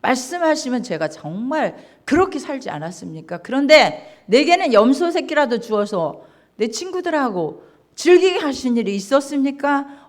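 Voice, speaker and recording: Resentful young elder son, indignant and raised-voiced, put on by a woman preacher, lively swings in pitch. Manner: indignant, protesting, rising loud.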